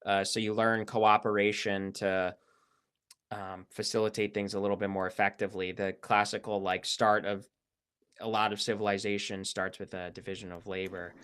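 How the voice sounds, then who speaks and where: A man hosting a casual podcast, speaking thoughtfully with hesitant pauses and fillers. His voice is smooth and resonant. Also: fairly low pitch, little pitch movement, a bit bright. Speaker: podcast host. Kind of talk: casual discussion.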